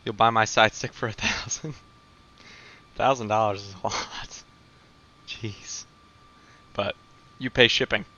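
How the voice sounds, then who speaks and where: A man casually chatting on a live game stream, relaxed and answering viewer comments as he plays. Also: lowish voice, slow, long pauses, lo-fi sound.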